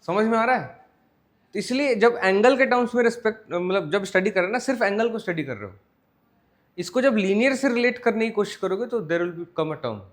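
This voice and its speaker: A man with an Indian accent teaching physics, mixing Hindi and English, checking in with his students and dictating notes word by word. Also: high voice. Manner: mixes Hindi and English, asks students frequent check questions; slow, word-by-word dictation while writing. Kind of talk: classroom lecture.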